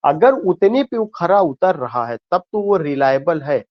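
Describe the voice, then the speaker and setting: A man teaching a class, explaining points in everyday speech and slowing down to read out English definitions, with frequent hesitations. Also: fairly high pitch, big pitch swings, muffled recording. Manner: explains in Hindi, reads English definitions slowly. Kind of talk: classroom lecture.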